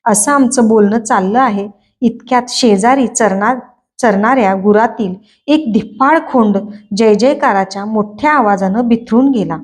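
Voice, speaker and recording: A woman hosting a book reading channel, narrating a novel in a clear, expressive storytelling manner. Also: fairly high pitch, normal speed. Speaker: book reader.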